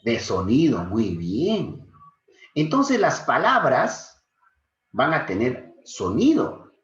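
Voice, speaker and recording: Teaching a secondary school literature class online, a man speaks slowly in a mid-range voice, animated and frequently questioning his students while affectionately calling them his dear students. The room is echoey and the sound dull and lo-fi.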